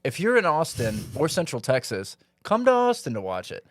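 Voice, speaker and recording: A man's voice: on the high side, wildly swooping pitch, normal speed, no echo. A man co-hosting a comedy podcast, riffing goofily and laughing often. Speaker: podcast co-host. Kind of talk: casual comedy chat.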